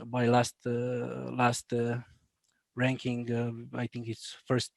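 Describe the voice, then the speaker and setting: A man in his thirties with a Croatian accent talks haltingly over a video call, full of fillers and restarts. His voice stays flat in pitch, and the recording is dry and close. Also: vocal fry, no room sound. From Bosnia. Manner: laughs often. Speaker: guest, BIM manager. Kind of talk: casual interview.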